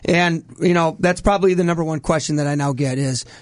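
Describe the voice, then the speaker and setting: A man's voice: fairly high pitch, fast, dry recording, studio quality. A man with a Minnesota accent, a hockey team guest talking casually and self-deprecatingly on a radio show. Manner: chatty, laughing, self-deprecating.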